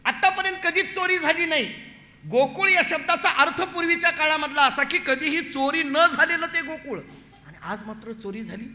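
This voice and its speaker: A man telling a devotional story as a kirtan preacher, animated and acting out the voices of the story's figures, with a Marathi accent. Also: extremely high pitch, normal speed. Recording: echoey hall with long reverb.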